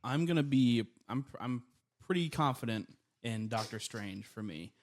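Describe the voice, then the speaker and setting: An easygoing man trading film opinions on a casual podcast, chuckling often between his remarks. His voice sits at an ordinary middle pitch. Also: lively intonation, normal speed.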